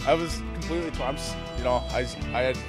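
A man's voice: mid-range voice, quick pace, over music. Easygoing young man as interview guest. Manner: easygoing, laughs along. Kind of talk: casual street interview. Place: outdoors on a city street. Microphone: host's handheld mic.

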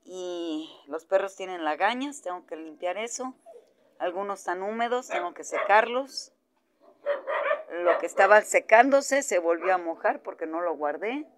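A woman's voice: on the low side, animated, unhurried, noisy background. A woman, vlogging in her outdoor dog yard, cooing at and scolding her dogs, then grumbling to the camera. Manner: coos and scolds dogs in a raised voice, grumbles aside. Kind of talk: casual vlog talk.

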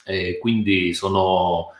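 Guy on his couch doing a live stream, lowish voice, keeps stopping and restarting, bit nervous, echoey room. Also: steady tone. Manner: halting, restarts sentences. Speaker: guitar teacher. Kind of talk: casual live stream chat. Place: sofa at home.

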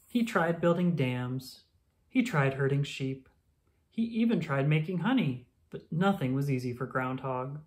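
Reading a children's picture book aloud a little slowly, this storyteller uses a middle-pitched voice. The narration is expressive and delivered in a storytelling style.

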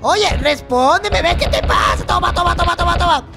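Excitable high-voiced man gaming host. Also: moderate pace, creaky, over music. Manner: excitable, constant exclamations to viewers. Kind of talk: game playthrough commentary.

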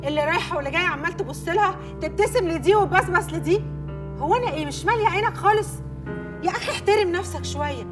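An actress playing a jealous, quick-tempered young newlywed, speaking with an Egyptian accent, fast and accusing. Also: female voice, very high-pitched. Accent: Egyptian Arabic. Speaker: jealous new bride. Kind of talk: Egyptian film acting. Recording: film audio with music behind.

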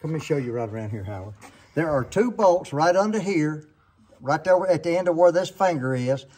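This older man's voice sits a little high, animated and slightly rough, with a touch of mellowness and a moderate pace. Hosting his sawmill sharpening show, he gives a casual how-to demonstration, folksy and rambling, frequently going back to fix what he said. A handheld camera captures him in an open barn workshop.

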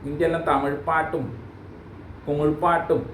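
A man's voice: fairly high pitch, flat delivery, normal speed, fairly bright tone, echoey room, slight background noise, poor audio. A man hosting a reaction video, joking and teasing in mock outrage. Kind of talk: casual comic commentary.

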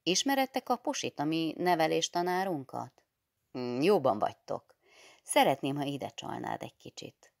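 Okos, huncut fiatal lány egy régi regényből, ahogy egy felolvasó nő megjeleníti: kérlelő, zavart szavait nagyon mély, érdes hang hordozza. A felvétel száraz, közeli. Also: female voice, sits low, big pitch swings, gravelly, no room sound, clean studio sound, voice pushed up, heavily acted. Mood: sly politeness. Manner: pleading, flustered yet clever. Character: composed 22-year-old schoolgirl, clever and sly.

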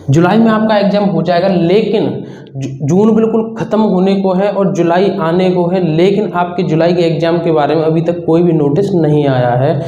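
A young man in his 20s, an exam-preparation coach and video host, gives students informal advice in a high, soft-toned voice, earnestly repeating himself. He's in a small indoor room with a whiteboard, using a clip-on lapel mic, and the audio sounds echoey, dull, and muffled.

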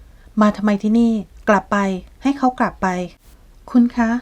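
A woman voicing a frail, bedridden older woman with a hoarse, dry voice. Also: mid-range voice, unhurried, a little mellow, close to an everyday voice. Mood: furious.

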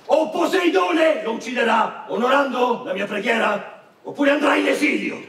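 A man acting a wrathful, condemning figure in a classical stage tragedy, declaiming in shouts. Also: very high voice, moderate pace. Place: large outdoor theatre at night. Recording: very echoey stage, distant mic, faint noise.

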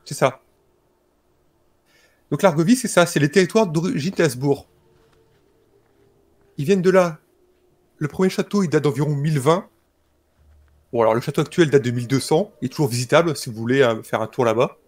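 A man presenting a book and its history informally, in a calm, explanatory way. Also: a little high, moderate pace, pauses often, husky. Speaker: guest presenter.

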